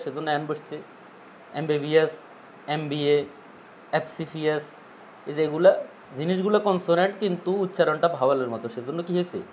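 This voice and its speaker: A man's voice: fairly high pitch, a little hiss or hum, poor audio. A man teaching English grammar in Bengali with a Bangladeshi accent, explaining step by step and often asking his students if they follow. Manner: asks checking questions, repeats points. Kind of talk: classroom explanation.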